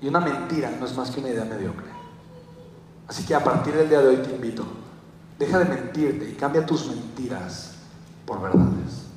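Telling a story and acting out quotes with animation, a young Mexican man with a Mexican Spanish accent gives a motivational talk at normal speed. He has a medium, slightly mellow voice. It was captured from a distance in an echoey hall, with a little hiss or hum.

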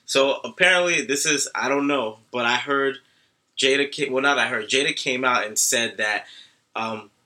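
A man's voice: medium pitch, normal speed, pushed and bright. A young man co-hosting a casual chat show, easygoing and thoughtful. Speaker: podcast co-host.

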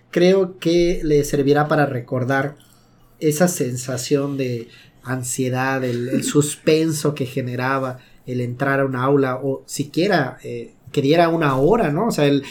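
Thoughtful podcast host. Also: male voice, mid-range voice, a little mellow. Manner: reflective, measured wrap-up. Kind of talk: casual podcast talk.

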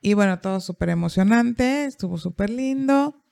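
Gravelly woman telling a story. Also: medium pitch, normal speed, no room sound. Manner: lively storyteller, acts out quoted dialogue. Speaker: therapist and podcast host. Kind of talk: conversational storytelling.

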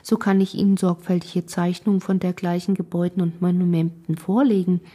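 A woman voicing a reserved, polite male architect in an audiobook, with a soft, breathy voice. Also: lowish voice, flat delivery. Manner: polite, evasive, measured.

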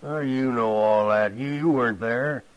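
Gruff bullying rancher, a man acting. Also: medium pitch, normal speed, dull audio, lightly acted. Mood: menacing. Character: mean, threatening older male rancher. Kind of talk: 1950s radio drama acting.

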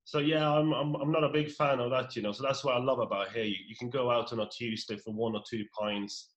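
A man in his forties from Norway, a native Norwegian speaker, talking as a pub-owner guest in a casual interview, halting and often repeating his words. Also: medium pitch, level tone, lo-fi sound.

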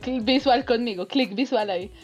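High-voiced woman telling a story. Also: normal speed, lo-fi sound, soft background music. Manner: animated, laughs often, lively quoted voices. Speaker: podcast co-host. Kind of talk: casual chat, storytelling.

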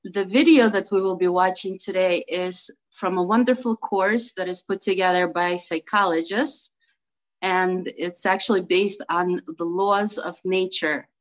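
This Brooklyn co-host has a lowish voice with a steady tone and a measured pace. She keeps the video call meetup friendly and informal, using fillers and restarting her sentences.

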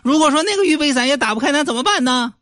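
Man doing a squeaky, alarmed TV reporter. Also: animated, very fast, pushed and bright, no room sound, studio quality, heavily acted. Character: breathless, worried TV reporter.

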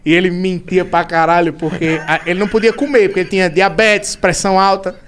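A man's voice: sits high, fairly quick, a little hiss or hum. A Brazilian man telling family stories in a casual podcast chat, mimicking the voices of his relatives. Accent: Brazilian Portuguese. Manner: animated storyteller, imitates relatives' voices. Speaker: podcast guest, comedian.

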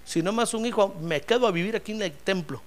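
A man's voice: high-pitched, fast talker, lightly acted. A man voicing a desperate woman who pleads tearfully and says she is worn out. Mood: pleading.

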